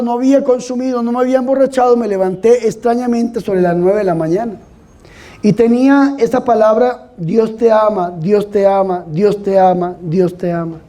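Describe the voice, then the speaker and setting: High-voiced Colombian priest giving testimony. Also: male voice, warm tone. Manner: emphatic storytelling, repeatedly urging listeners to pay attention. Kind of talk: testimony talk to a live audience. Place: event hall with an audience.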